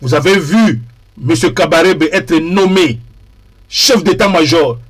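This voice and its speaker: This man, a TV political commentator from DR Congo, has a voice on the high side that's slightly rough. He speaks in a deliberate, emphatic manner and repeats key phrases for weight.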